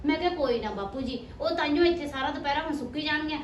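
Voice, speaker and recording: A woman's voice: sits high, close to an everyday voice. A woman playing a chatty village sister-in-law. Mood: gossiping. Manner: rapid gossipy talk. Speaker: lead actor. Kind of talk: amateur short-film acting. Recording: roomy, distant, faint background noise.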